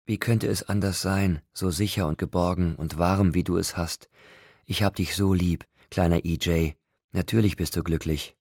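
A man voicing a tender, excited young pregnant woman in an audiobook, with a soft, emotional delivery. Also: low-pitched, a little slow, husky, dry recording, clean studio sound.

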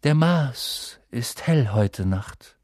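A man's voice: mid-range voice, lively intonation, warm tone, no echo, clean studio sound. A man doing a melancholy centaur. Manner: slow, solemn, sighing. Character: melancholy male centaur, dreamy and evasive. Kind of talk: audiobook character voice.

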